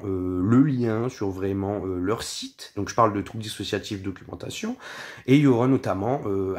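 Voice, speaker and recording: A man talking casually in a vlog, rambling and scattered, full of hesitations and self-mocking asides, partly reading from notes. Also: lowish voice. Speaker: vlogger.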